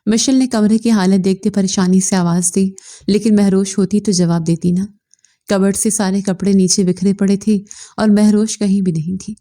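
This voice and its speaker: Woman narrator for a romance audiobook, steady, warm and mellow. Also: medium pitch, normal speed. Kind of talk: reading a romantic novel aloud.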